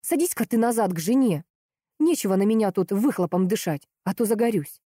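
A woman's voice: mid-range voice, lively intonation, brisk, no echo, studio quality, natural voice. A woman voicing a fiery, blunt young woman. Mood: tense. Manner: loud, snapping and sarcastic.

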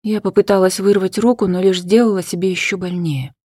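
A woman reading a first-person novel aloud in a measured, dramatic way, sometimes dropping to a hush. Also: lowish voice, steady tone, dry recording, clean studio sound. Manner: measured, dramatic, drops to hushed tones. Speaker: audiobook narrator. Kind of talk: scripted first-person narration.

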